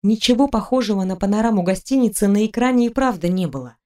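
A woman narrating an audiobook in an even, expressive reading voice. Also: medium pitch, fast talker. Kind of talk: scripted narration.

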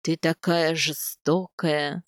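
A woman voicing a young male steppe warrior in an audiobook, speaking low and drawn out. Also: level tone, slow, no echo, studio quality. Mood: pleading, tender. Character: young passionate steppe husband, pleading.

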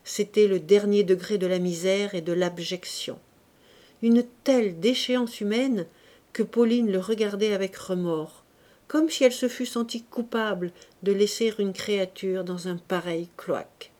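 Woman reading a classic novel aloud. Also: mid-range voice. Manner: measured, even storytelling delivery. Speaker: audiobook reader. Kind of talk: literary audiobook narration.

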